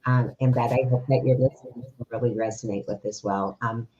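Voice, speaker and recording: A woman's voice: very deep voice, fairly quick. Earnest woman coach on a dull line. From United States. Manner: earnest, steady, uses fillers. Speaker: retirement coach, guest. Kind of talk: interview answers. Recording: slightly dull, lo-fi.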